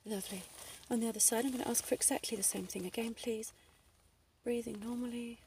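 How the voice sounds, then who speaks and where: A woman playing a flirty, teasing female doctor in a soft ASMR role-play, coy and playfully bossy. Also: a little high, fairly even intonation, fast, recorded from a distance, slight background noise, natural voice. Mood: brisk, playful.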